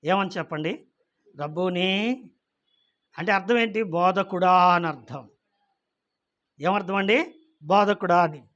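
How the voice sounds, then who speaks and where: High-voiced pastor preaching. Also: male voice, a little slow, long pauses, fairly bright tone, muffled recording. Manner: asks the congregation questions; acts out the figures of the story. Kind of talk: sermon.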